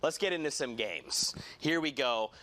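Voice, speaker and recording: Guy casting esports live, hyped and jokey, bright sharp tone. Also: mid-range voice, normal speed, no echo. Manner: energetic, jokey play-by-play. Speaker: esports caster.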